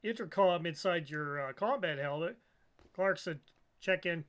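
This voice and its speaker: A man running a tabletop role-playing game as game master, narrating in an unhurried way with frequent fillers. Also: a little high, a bit bright.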